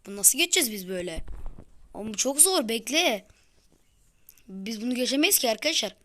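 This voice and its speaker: Excitable bright-voiced young woman gamer. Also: on the high side, brisk. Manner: excitable, swings from muttering to loud frustrated outbursts. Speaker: gaming video creator. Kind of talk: casual gameplay commentary.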